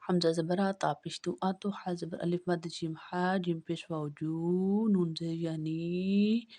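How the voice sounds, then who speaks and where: A woman teaches Quran reading, spelling out each word letter by letter. Her voice sits low and stays level, and she draws her syllables out slowly and carefully. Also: steady tone, warm tone. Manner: slow, careful, drawn-out recitation. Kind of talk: spelling out Arabic words letter by letter.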